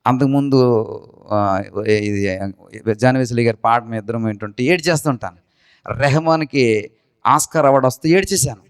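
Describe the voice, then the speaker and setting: A man preaching a sermon from India with a Telugu accent, swinging between excited high retelling and quiet low asides. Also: moderate pace, pauses often, clean tone, dry recording. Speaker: pastor.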